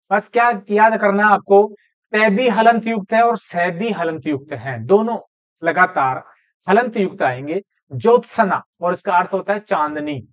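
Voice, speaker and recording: A man teaching a Hindi grammar lesson, explaining step by step and repeating words slowly. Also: sits high.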